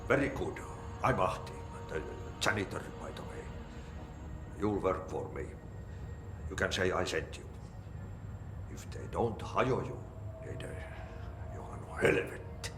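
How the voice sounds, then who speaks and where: An actor playing a cryptic older janitor in a video game, with a Finnish accent and a slow, ominous drawl. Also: male voice, sits low, animated. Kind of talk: video game character acting. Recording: roomy game dialogue over music.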